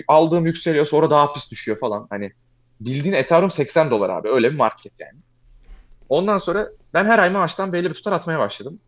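A young man telling a long personal story in casual chat, fast and animated, often calling the listener "abi". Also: fairly high pitch, muffled recording.

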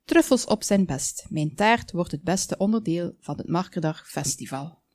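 A woman's voice: lowish voice, animated, normal speed, a little mellow, lightly acted. A woman voicing a stout, proud male baker in a storybook. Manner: proud, boastful.

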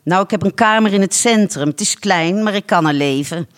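A storyteller voicing a humble, eager poor man in a storybook reading, speaking quickly and earnestly. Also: mid-range voice, lightly acted.

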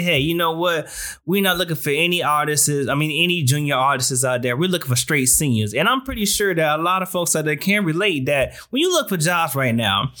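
A man's voice: high voice, pushed and bright. A man hosting an online show, giving casual, slangy advice straight to his viewers. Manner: informal slangy talk, often addressing listener with "you know".

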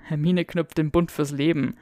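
A woman's voice: low-pitched, fairly even intonation, normal speed, mellow, no room sound, studio quality, voice pushed down, lightly acted. A woman voicing a mischievous young wizard who talks in a teasing, showy, mock-indignant way.

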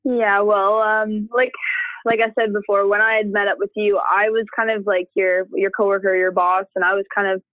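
A woman's voice: medium pitch, level tone, moderate pace, no echo. A woman chatting casually, telling a personal story and acting out what she and others said. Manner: chatty storytelling, acts out her own past words. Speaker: interviewee. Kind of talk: casual conversation. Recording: tinny phone line.

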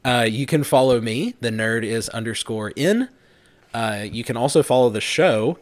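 A man's voice: mid-range voice, moderate pace, dry recording. Rambling laid-back podcast host, a man. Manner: relaxed, rambling, with fillers and restarts. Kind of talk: casual chat.

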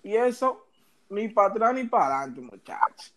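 A man, hosting a casual chat and telling an animated story, laughing and acting out the other people in it. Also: high-pitched, moderate pace, background noise. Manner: animated, laughing, acts out voices in his story. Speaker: podcast host.

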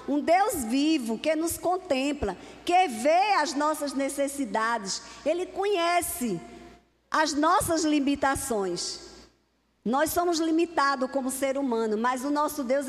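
A woman preacher delivering a sermon to a congregation in an earnest, repeating cadence. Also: high-pitched. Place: church hall. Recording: long hall reverb.

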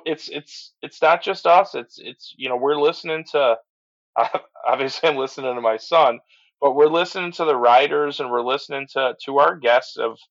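A middle-aged man chatting as a podcast guest, enthusiastic, full of restarts and "you know"s. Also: medium pitch. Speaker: podcast guest, transport business owner. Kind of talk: casual interview chat. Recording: slightly dull lo-fi audio.

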